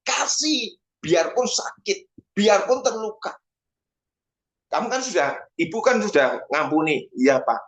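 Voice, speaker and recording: A man preaching a sermon, animated and often calling out to his listeners. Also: slow pace. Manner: animated, swings pitch up for emphasis, keeps addressing listeners as "brothers".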